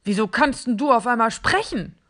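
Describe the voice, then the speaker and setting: A woman voicing a small, excitable and scatterbrained plastic toy man. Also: a little high, moderate pace, full character voice. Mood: excited.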